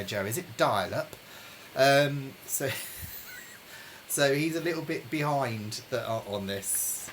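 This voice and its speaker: A man hosting a live-streamed pub quiz from home, chatting with viewers and reading each question slowly, then repeating it. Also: mid-range voice, sharp tone, a little hiss or hum, rough recording. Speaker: quiz host. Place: home during lockdown.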